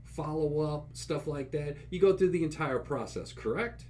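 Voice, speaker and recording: A man co-hosting a podcast, chatting casually and teasing his friend in a playful, animated way. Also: fairly high pitch, normal speed. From United States. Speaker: podcast co-host. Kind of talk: casual banter.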